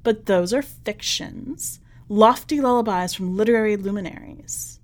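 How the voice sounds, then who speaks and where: A woman with a mid-range voice narrates a short story for a podcast, her scripted reading expressive and marked by wry, deliberate emphasis.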